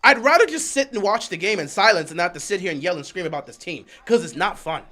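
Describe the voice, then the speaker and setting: A man ranting on a live fan stream, sliding from quiet grumbling into shouting. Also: high voice, animated, fast. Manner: frustrated ranting, swings from quiet muttering to shouting. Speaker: fan streamer commentating a game.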